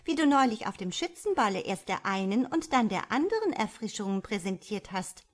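A woman's voice: mid-range voice, big pitch swings, a little fast, voice pushed up. A woman voicing a gossipy young sister tattling on her brother.

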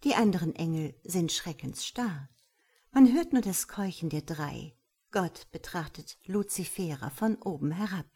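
A woman narrating a story aloud in a calm, even reading voice. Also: on the low side, a little slow, breathy edge.

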